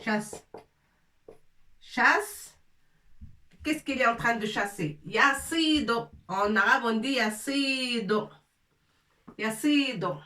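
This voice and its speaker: A woman giving an Arabic grammar lesson, slowly repeating words and drilling them aloud. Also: on the high side, bright, forceful tone. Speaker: Arabic teacher. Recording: echoey room, voice from far off.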